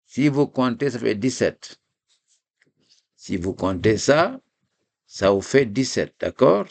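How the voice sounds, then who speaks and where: A man teaching a recorded reading lesson, slowly repeating a memory phrase syllable by syllable for his students. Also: medium pitch, big pitch swings, darkish tone. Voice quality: gravelly.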